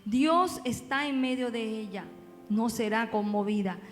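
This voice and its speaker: A woman's voice: a little high, unhurried. A woman pastor preaching a sermon, asking her congregation one rhetorical question after another. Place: church. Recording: long reverb with faint music.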